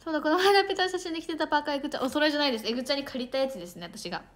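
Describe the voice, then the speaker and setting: A woman's voice: high voice, very fast. A young woman idol livestreaming in casual chat, bubbly and chatty, thanking viewers for gifts and sometimes tripping over her words.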